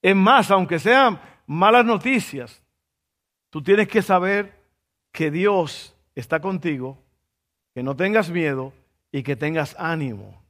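A man preaching a sermon, telling a story with lively asides and rhetorical questions. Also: high-pitched, slow, in a large hall.

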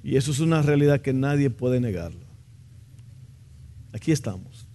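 A man's voice: mid-range voice, expressive, fast, dark tone. A man preaching a sermon in a church, impassioned and asking the congregation questions. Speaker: pastor.

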